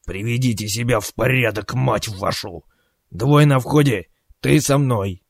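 A man voicing a foul-mouthed, gruff male police captain who barks out curses, with a dry sound. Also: medium pitch, measured pace, no echo. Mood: commanding. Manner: barking, swearing.

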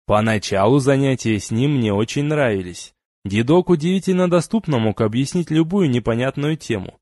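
A man's voice: mid-range voice, darkish tone, no room sound. Man narrating with dry, wry colloquial tone. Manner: wry, colloquial storytelling with slang. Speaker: audiobook narrator. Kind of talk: first-person fantasy audiobook narration.

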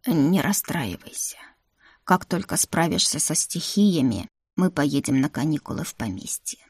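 A woman reading an audiobook, voicing a calm male rector who is the heroine's older brother, with a low, measured and dry manner. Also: slightly rough, no room sound, full character voice.

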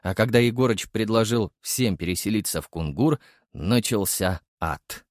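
A man narrating an audiobook in first person with lively storytelling. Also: fairly low pitch, normal speed, dry recording, clean studio sound.

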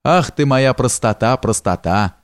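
A man's voice: medium pitch, lively intonation, unhurried, clear, resonant tone, no echo, clean studio sound, lightly acted. A man doing a sly wheedling steward. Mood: coaxing. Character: sly fawning male steward, flattering then fearful.

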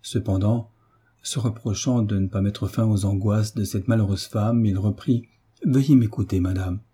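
Dark husky male audiobook narrator. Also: fairly low pitch, level tone, normal speed.

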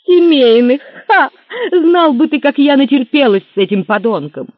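A sharp-tongued young barmaid, put on by a man, snaps curt, mocking replies in a raised, lively voice. The audio is dry and narrow, tinny like a small radio. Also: sits high, a little slow, no room sound, pitched above the performer's own voice, full character voice. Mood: scolding.

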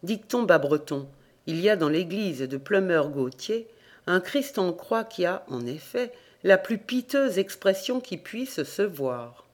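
An audiobook narrator reading a folk tale in an even, steady storytelling way. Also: medium pitch, unhurried. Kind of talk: scripted narration.

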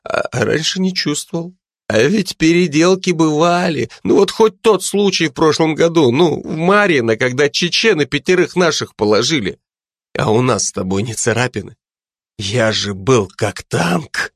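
A man's voice: a little high, animated, normal speed, no echo, clean studio sound, voice pushed up. A man voicing a drunk, frightened man who whines, pleads and slurs his words. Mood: drunk pleading. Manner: whiny, slurred, self-pitying.

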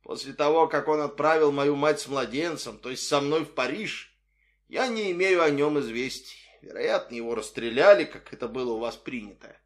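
A man voicing a haughty émigré nobleman working as a taxi driver, mannered and condescending in a raised, drawn-out voice. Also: fairly high pitch, close to an everyday voice. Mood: proud.

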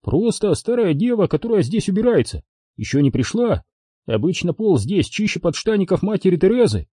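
A man's voice: high-pitched, sing-song, brisk, warm tone, husky, no room sound, studio quality, pitched above the performer's own voice, heavily acted. A man voicing a sloppy, cheeky brothel manager who jokes and brushes off complaints. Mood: flippant. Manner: joking, flippant.

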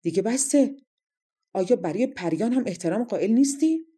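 A woman's voice: medium pitch, animated, mellow, voice pushed up, lightly acted. A woman voicing a commanding fairy who scolds and pronounces punishments. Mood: stern.

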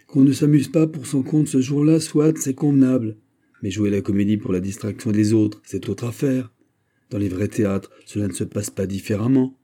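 A man's voice: fairly low pitch, mellow, close to an everyday voice. A man voicing a haughty, domineering prince. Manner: lordly and commanding. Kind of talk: audiobook character reading.

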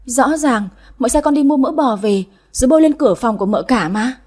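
A woman's voice: a little high, lively intonation, brisk, darkish tone, breathy edge. A woman voicing a terrified young servant girl who pleads tearfully and stammers, in a storybook reading. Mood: pleading.

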